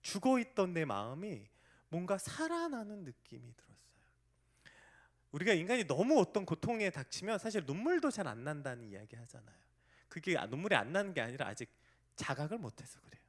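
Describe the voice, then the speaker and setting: A man in his thirties preaching a sermon as a pastor, dropping to hushed near-whispers and then rising to loud emphatic outbursts, and acting out quoted voices in a sudden high pitch.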